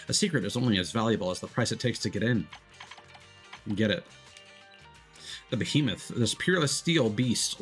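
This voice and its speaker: With a voice on the low side and a fairly bright tone, this male VTuber chats through a game stream, reading on-screen text aloud. He frequently trips over repeated fillers, while faint game music sits underneath.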